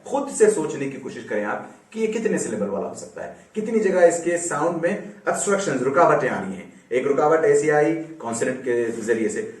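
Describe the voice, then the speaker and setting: A man giving an explanatory pronunciation lesson, mixing English terms into Hindi and repeating example words slowly. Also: on the high side. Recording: roomy echo, voice a bit far from mic.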